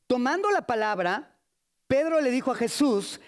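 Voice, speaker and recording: A man with a Mexican accent preaching a sermon in an animated, colloquial, joking manner. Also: very high voice, normal speed.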